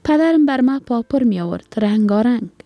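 A woman's voice: fairly high pitch, expressive, dry recording, dull audio, voice pushed up. A woman voicing a poor, sad little girl in a spoken story, with an Afghan Dari accent. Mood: plain.

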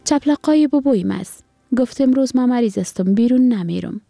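A woman voicing a gentle young girl in a spoken story, with an Afghan Dari accent. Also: a little high, animated, creaky, no room sound, soft background music, pitched above the performer's own voice. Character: young green-eyed girl, earnest, gentle.

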